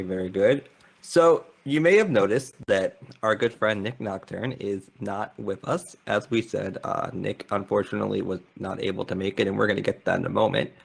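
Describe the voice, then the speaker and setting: Low gravelly man hosting a panel. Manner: self-described monotone, reads a statement aloud. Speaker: panel host. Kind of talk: casual panel moderation.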